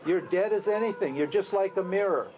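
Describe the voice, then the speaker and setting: High-voiced man giving a casual spiritual talk. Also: fairly quick, darkish tone, lo-fi sound, slight background noise. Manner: conversational, rhetorical questions, laughs at his own lines. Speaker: spiritual teacher. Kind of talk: informal spiritual talk to a group.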